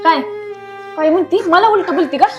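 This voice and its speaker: Woman, very high voice, shrill, taunting, faint music. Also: moderate pace, muffled recording. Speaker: actor playing a cruel aunt-in-law. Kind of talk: amateur family drama acting.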